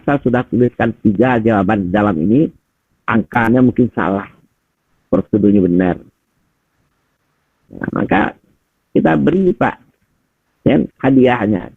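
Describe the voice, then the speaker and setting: A man's voice: mid-range voice, dry recording. A middle-aged man, a teacher trainer, giving conversational feedback over a video call and often asking rhetorical questions. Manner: conversational, addresses listeners as Pak and Bapak Ibu, rhetorical questions. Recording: husky voice over tinny video call audio.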